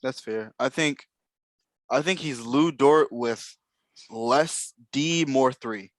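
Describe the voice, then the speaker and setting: Man, podcast co-host, casual draft chat, fillers and hedges, mid pitch. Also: slow pace, dry recording. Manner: analytical, hedging with many fillers.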